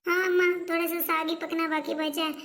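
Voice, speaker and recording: A woman's voice: very high voice, flat delivery, brisk, a bit bright. A woman playing an overworked, aggrieved elder daughter-in-law in a family skit, complaining and nagging. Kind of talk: scripted family skit acting.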